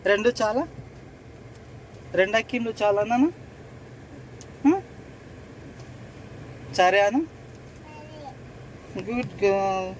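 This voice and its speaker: A woman's voice: medium pitch, takes it slowly, pauses often, rough recording. Coaxing young mother over traffic noise. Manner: gentle, coaxing, repeats herself. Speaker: mother talking to her toddler. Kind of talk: casual home video chat. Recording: outdoor street noise with traffic.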